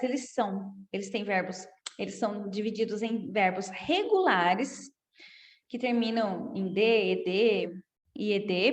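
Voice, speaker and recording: A woman with a Brazilian Portuguese accent teaching an English lesson in a casual way, often checking in with listeners and repeating examples slowly. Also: mid-range voice. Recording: echoey room with long reverb.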